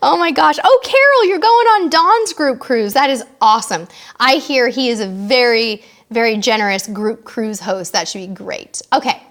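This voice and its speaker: A woman in her forties with a high, bright-pitched voice hosts a live stream, chatting casually with viewers. She reads their comments aloud and answers each one, bubbly and full of quick asides. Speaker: host of a live cruise Q&A.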